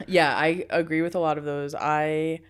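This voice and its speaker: A woman's voice: low voice, level tone, unhurried, clear, resonant tone. A young adult woman co-hosting a podcast in casual chat, who laughs often and bursts into quoted voices. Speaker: podcast co-host.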